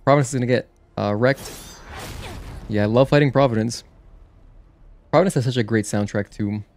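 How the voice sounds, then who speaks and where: He speaks briskly in a mid-range, slightly mellow voice. As a livestreamer playing video games, he offers casual, digressive commentary to his viewers, pausing to react and respond, while game music plays.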